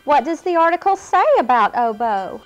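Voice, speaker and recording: A woman's voice: high-pitched, big pitch swings, normal speed, soft background music, rough recording. A woman voicing a cheerful young girl clown in a children's cartoon, with a bubbly, wide-eyed manner. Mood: fond. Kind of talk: children's show character acting.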